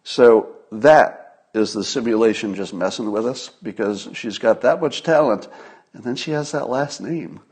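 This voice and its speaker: On his solo livestream, this man delivers casual political commentary in a medium-pitched, darkish voice with a breathy edge. His style is conversational and emphatic, with pauses for effect.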